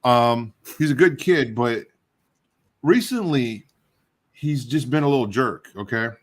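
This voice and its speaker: Middle-aged male host, runny nose, casual and halting, pokes fun at himself. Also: medium pitch, animated. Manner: rambling, halting, self-deprecating. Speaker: show host. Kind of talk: casual chat while tasting hot sauce.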